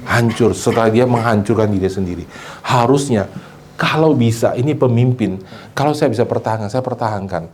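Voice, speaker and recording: A male pastor preaching a sermon in a church, mixing English phrases into his talk, addressing the congregation directly and acting out scenes with sudden shouts. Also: mid-range voice, brisk, slight background noise. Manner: animated, acts out scenes like shouting for a medic. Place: church hall. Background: congregation responding.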